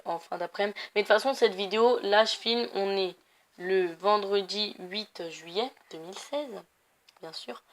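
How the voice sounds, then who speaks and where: A young woman of Portuguese family background chatting casually while playing a video game, rambling with many fillers and self-corrections. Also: mid-range voice. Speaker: gaming youtuber. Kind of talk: casual gameplay commentary.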